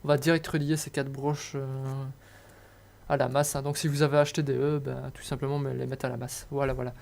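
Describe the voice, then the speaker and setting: A man's voice: medium pitch, level tone, brisk, vocal fry, darkish tone. A young man narrates a hobby electronics tutorial over slides. He talks casually, stumbling over fillers and restarts and joking at his own expense. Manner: hesitant, many fillers and restarts, self-mocking asides.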